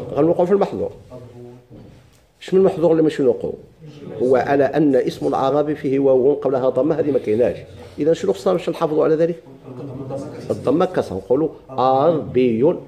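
A man's voice: mid-range voice, gravelly, warm tone. A man with a Moroccan Arabic accent teaching a grammar lesson to a class, quizzing students and repeating his questions.

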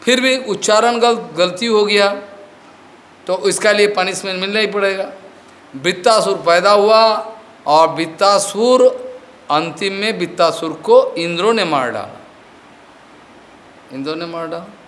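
A man's voice: high voice, a little slow, long pauses, fairly bright tone. A man giving a devotional discourse as a spiritual teacher, explaining with stories, slipping in English words and often asking whether his listeners have understood.

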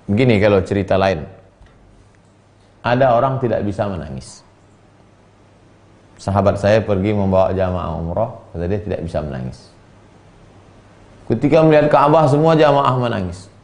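A man preaching and teaching from a classical text. He reads Arabic phrases, explains them slowly and acts out the people in his stories with sudden high-pitched voices. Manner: animated storyteller, voicing characters with sharp pitch jumps.

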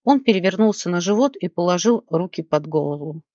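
Female audiobook narrator, measured fantasy reading; dull, dry recording. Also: on the low side, lively intonation, mellow, dry recording.

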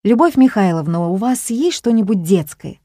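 A calm, dry-witted mother who keeps her cool amid the chaos, as a woman reader voices her. The voice is mellow and dry, recorded close. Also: mid-range voice, normal speed, no room sound, lightly acted. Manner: calm, ironic. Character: calm, ironic woman, mother of a clever girl.

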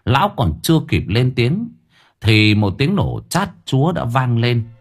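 A man's voice: medium pitch, huge pitch swings, measured pace. A man narrating a comic audio story playfully.

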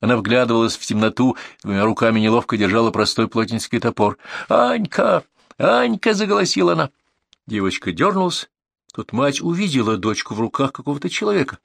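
A man's voice: lowish voice, quick pace, no echo. A man narrating a first-person audiobook in a tense, dramatic way, recorded in a dry booth.

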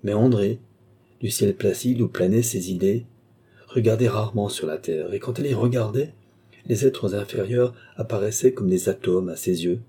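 Male audiobook reader, dark mellow tone, breathy, measured narration. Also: fairly low pitch. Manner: measured, even reading of a classic novel. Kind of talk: scripted narration.

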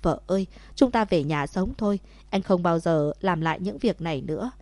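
A woman voicing a remorseful young husband who begs his wife loudly in a storybook. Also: lowish voice, moderate pace, no echo, natural voice. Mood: coaxing. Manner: loud begging calls.

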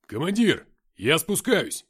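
A man voicing a high, agitated soldier. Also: big pitch swings, moderate pace, fairly bright tone, heavily acted. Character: agitated male soldier reporting.

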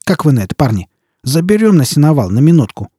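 A man's voice: a little high, very animated, quick pace, dark tone, breathy edge, dry recording, clean studio sound, pitched above the performer's own voice. A man voicing a fat, leering male thug with a crude chuckling manner.

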